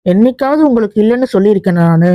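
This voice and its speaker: A woman's voice: mid-range voice, animated, very fast, dark tone, dry recording, lightly acted. A woman voicing a hurt young wife who pours out her grievances to her husband in a run of reproachful questions.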